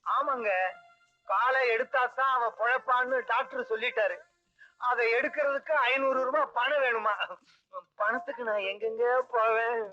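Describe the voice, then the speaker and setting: An actor playing a sly, scheming young husband with a wheedling, evasive way of talking, from an old film soundtrack. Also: male voice, very high voice, steady tone, normal speed, pushed and bright, highs cut off, faint music behind, exaggerated voice. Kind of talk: 1980s Tamil film dialogue.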